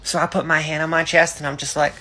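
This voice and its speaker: A woman's voice: sits low, flat delivery, quick pace, bright, forceful tone. A woman from Iceland telling a blunt, sweary, sarcastic story about school. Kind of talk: casual storytelling clip.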